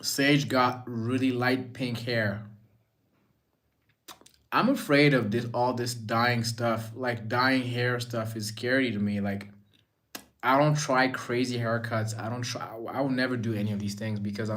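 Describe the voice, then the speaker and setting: A man's voice: medium pitch, fairly even intonation, measured pace, a bit bright. A man from Rwanda, hosting a casual livestream and chatting while he greets viewers by name and reads their comments. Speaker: livestream host.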